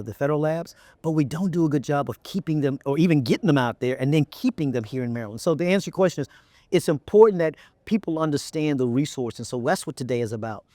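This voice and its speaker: On an indoor interview set at an event, a Texan CEO in middle age talks through his answers as the guest, often repeating phrases to stress a point. His American-accented voice sits on the high side and sounds a little mellow. A lapel mic captures it without echo.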